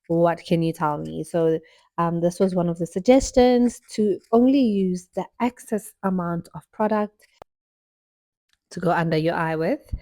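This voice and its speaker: A woman's voice: on the low side, unhurried, dark tone, no room sound. A young woman chatting casually through a makeup tutorial at home, friendly and full of fillers. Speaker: beauty vlogger. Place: home, indoors.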